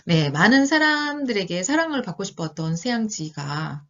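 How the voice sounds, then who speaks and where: A woman in her fifties, an elementary school teacher, reading a picture book aloud and then talking it over gently with children, pausing often with fillers. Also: mid-range voice, sing-song, lo-fi sound. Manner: gentle, questioning teacher talk with many pauses and fillers.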